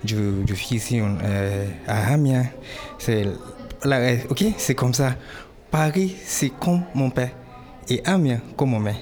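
A man's voice: medium pitch, takes it slowly, faint music behind. Hesitant man. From Nigeria. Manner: hesitant, many fillers, warming up when describing dreams. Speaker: interviewee, dancer and exhibition participant. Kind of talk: interview answers in learner French.

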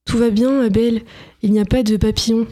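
A woman's voice: a little high, fairly even intonation, brisk, mellow, lightly acted. A woman reading as a worried young woman. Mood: pleading. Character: young woman, worried first-person narrator.

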